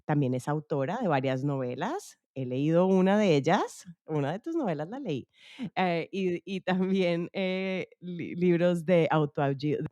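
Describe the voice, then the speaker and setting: A woman's voice: fairly low pitch, lively intonation, a little slow, dark tone, no echo, lo-fi sound. A woman hosting a podcast interview, chatty and enthusiastic, with fillers and restarts. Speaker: podcast host. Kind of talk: casual interview.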